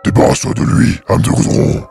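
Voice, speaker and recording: A man voicing a menacing male demon who rules a realm of souls, speaking slowly and coldly in a gravelly, breathy whisper. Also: a little mellow, faint music behind, lightly acted. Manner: slow, cold, threatening.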